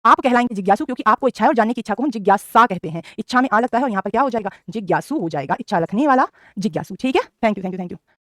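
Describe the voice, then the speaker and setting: A woman's voice: on the high side, expressive, fast, no room sound, studio quality. A woman teaching Hindi grammar in a live online class, asking questions and repeating each answer, calling her students "beta".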